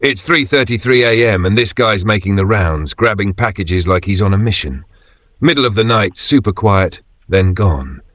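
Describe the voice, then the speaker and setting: A man's voice: fairly low pitch, expressive, moderate pace, fairly bright tone, no room sound, clean studio sound. A man narrating video clips in a casual scripted commentary style, with slangy, wry wording and short punchy phrases.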